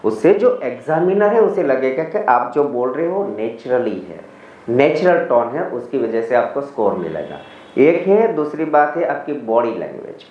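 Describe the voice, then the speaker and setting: A man's voice: mid-range voice, very animated. Man coaching, echoey far-off room. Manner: switches between Hindi and English, demonstrating model answers slowly. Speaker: IELTS coach. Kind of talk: teaching in Hindi mixed with English. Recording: echoey room, mic at a distance, dull lo-fi sound.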